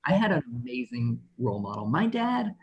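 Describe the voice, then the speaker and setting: A man in his thirties performing a rambling, deadpan stand-up comedy set over a video call, chuckling at his own jokes. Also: medium pitch, a little fast, highs cut off. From Texas. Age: 30s.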